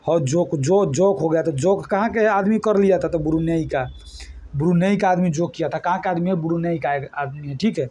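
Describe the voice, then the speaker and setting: A man, teaching an exam coaching lesson. He talks loosely and repeats himself, firing quick questions at his students and answering them himself. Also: fairly high pitch, mellow, breathy edge. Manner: colloquial, repetitive, quizzing the students. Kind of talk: mnemonic lesson for exam prep.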